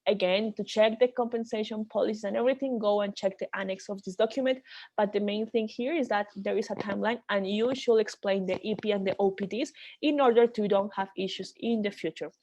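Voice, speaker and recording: A woman's voice: medium pitch, fairly even intonation, fairly quick, a little mellow. A woman leading an online training call, explaining rules step by step with frequent restarts.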